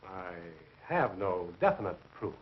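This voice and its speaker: Stern professor on muffled film audio. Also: male voice, sits low, sing-song. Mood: stern, indignant. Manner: formal, measured, indignant. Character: stern, skeptical male professor, dignified and disapproving. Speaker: film actor. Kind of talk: old horror film acting. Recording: muffled old film soundtrack.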